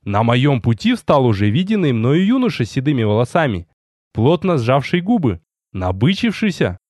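Guy reading an audiobook, expressive, lively pitch, dry close mic. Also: normal speed, dry recording. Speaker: audiobook narrator. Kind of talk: scripted first-person narration.

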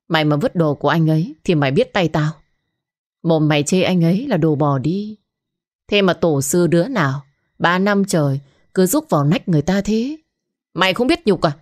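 Taunting young mistress, pregnant, low, audiobook story, voiced by a woman narrator. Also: animated, normal speed. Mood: furious. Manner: sneering, taunting, coy with lover.

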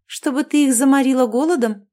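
A weary young widowed mother, voiced by a woman narrator in a spoken story. She sounds earnest and a little higher than the narration, with a soft, dark tone. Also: a little fast, natural voice. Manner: earnest, apologetic. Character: young widowed mother Olesya's friend Anna, tired.

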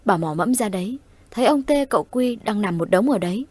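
A woman narrating a ghost story in a steady storytelling voice. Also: mid-range voice, fairly quick, husky, no echo. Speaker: audiobook narrator.

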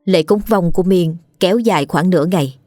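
A woman storyteller narrating a ghost story in a measured, even way. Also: fairly low pitch, dry recording, clean studio sound. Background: soft background music.

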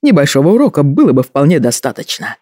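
A man reading an audiobook voices an older male clan leader who is gruff and paternal, speaking slowly in a low rumble. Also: sing-song, a little mellow, no echo, clean studio sound. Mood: teasing.

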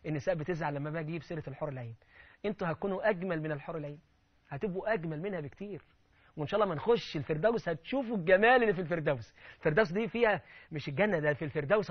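A man preaching in Egyptian colloquial Arabic, fervent and quick, acting out the voices he quotes with sudden loud bursts. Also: a little high, lo-fi sound.

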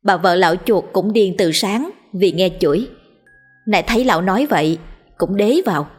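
A woman narrating a village story in a lively, colloquial storytelling manner. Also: mid-range voice, normal speed, husky, soft background music.

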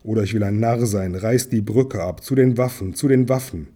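A man's voice: lowish voice, fairly even intonation, moderate pace, mellow, slightly rough. A man voicing a grim-voiced human bowman who gives gloomy, urgent warnings in a storybook reading. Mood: alarmed.

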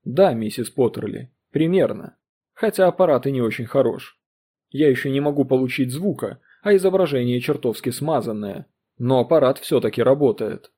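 A man's voice: mid-range voice, normal speed, warm tone, breathy edge. A man voicing an intense young physicist in an audiobook reading, urgent and insistent. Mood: explaining. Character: intense young male physicist, obsessed inventor.

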